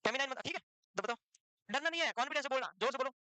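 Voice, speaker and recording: A quick-talking man with an unusually high, bright voice lectures a live nursing class. He teases his students and pushes them with rapid questions. The sound is close and dry, with little room echo. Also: clear, resonant tone. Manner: teasing, fires questions at students.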